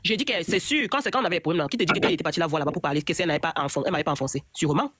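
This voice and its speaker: A woman's voice: deep voice, very fast, fairly bright tone, no room sound, studio quality. A woman telling a personal story in casual chat, rambling and restarting her sentences often. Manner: rambling, many restarts and repeats. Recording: noisy online audio.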